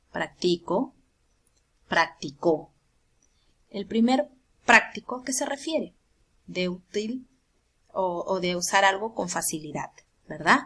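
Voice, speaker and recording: A woman's voice: medium pitch, fairly bright tone, husky. A woman with a Peruvian Spanish accent, a primary school teacher explaining a grammar lesson to children patiently and checking in with the class often.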